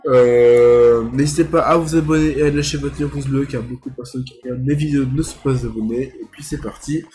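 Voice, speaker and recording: Here a young gaming YouTuber, stuffed up from a cold and sounding nasal, chats through his mobile game while thinking aloud. His medium-pitched voice is darkish and fairly even, his pace brisk, with a little hiss or hum in the audio.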